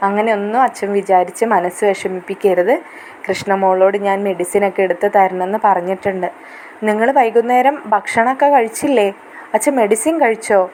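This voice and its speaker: A woman voicing a gentle, dutiful young daughter who speaks softly and reassuringly to her father in a retold serial story. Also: mid-range voice, fairly even intonation, a little fast, slight background noise, close to an everyday voice.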